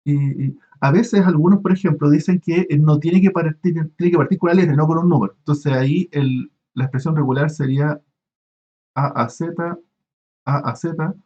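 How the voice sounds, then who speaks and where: A university lecturer gives an online class in a slightly high, warm voice, and the audio sounds dull. He explains step by step but haltingly, restarting often, using lots of fillers, and putting questions to his students.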